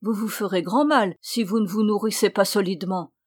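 A woman's voice: mid-range voice, fairly quick, darkish tone, natural voice. A woman voicing a devoted lord of a castle who speaks anxiously and earnestly to his wife. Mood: worried.

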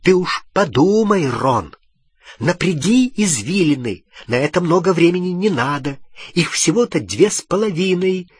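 A shrill, furious teenage girl screeches and scolds in a raised, high voice, as a male audiobook reader puts her on. Her lines come slowly and heavily stressed, with a husky edge and a dry, close sound. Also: wildly swooping pitch, a bit bright, no room sound, exaggerated voice. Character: furious shrieking teenage girl, bossy and sharp-tongued. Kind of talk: audiobook character voice.

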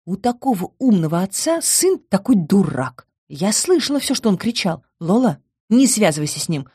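A woman voicing a small, kindly neighbour's wife who speaks in a hushed, worried way in an audiobook. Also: medium pitch, big pitch swings, moderate pace, slightly rough, no room sound, clean studio sound. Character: tiny kind wife of a neighbour.

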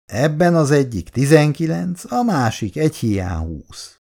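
A man's voice: on the high side, big pitch swings, gravelly, mellow, pitched above the performer's own voice, full character voice. A man voicing a worried middle-aged mother who frets, scolds and laments. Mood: fretful scolding. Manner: fretful, complaining and lamenting.

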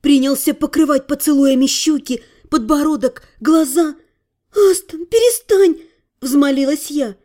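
High-voiced woman narrating an audiobook. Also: normal speed, few pauses. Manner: expressive, emotional character reading. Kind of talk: first-person audiobook narration.

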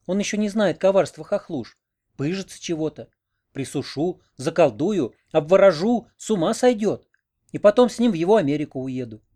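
A fretful young village woman with a high, raised voice and a plaintive, complaining manner, as a male audiobook reader puts her on. She talks a bit louder and more urgently than the narration in this storybook reading. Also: animated, moderate pace. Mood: dreamy.

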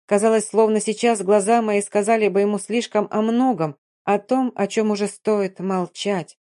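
A woman narrating a first-person audiobook in a calm, even reading voice. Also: medium pitch, normal speed.

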